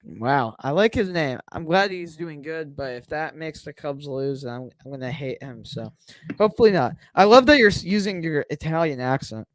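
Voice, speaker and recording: A young man with a high, bright-sounding voice chats and calls a ball game for a podcast, rambling and excited. He is recorded close and dry, with no room sound. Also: moderate pace, no room sound. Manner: rambling, excitable, lots of fillers and laughs. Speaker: podcast co-host and Cubs fan. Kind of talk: casual play-by-play chat during a watch party.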